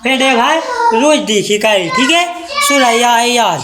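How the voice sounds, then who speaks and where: A woman teaches a classroom English lesson. She speaks slowly and patiently, repeating each rule and checking often that the class follows. Her voice sits high. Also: lively intonation, very noisy. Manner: slow, repetitive teaching with frequent checks.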